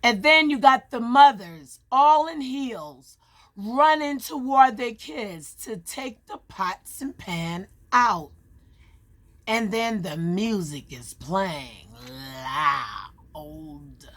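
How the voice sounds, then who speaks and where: A woman talking straight to her viewers in an earnest, emphatic way, with long pauses between short phrases as she shares hard-won advice. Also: a little high, expressive, fairly bright tone. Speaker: vlogger sharing her experience. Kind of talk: personal advice monologue.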